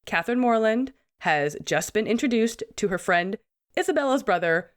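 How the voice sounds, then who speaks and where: Woman co-host, sick-sounding voice, animated and chatty. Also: on the high side, moderate pace. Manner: chatty, self-mocking, laughs often. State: sick, voice still recovering. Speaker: podcast co-host. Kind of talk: casual podcast chat.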